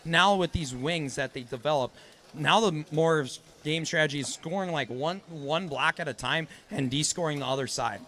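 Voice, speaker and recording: A man commentating on a robotics match in a loose, halting play-by-play way. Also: a little high, a bit bright, slight background noise. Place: event hall.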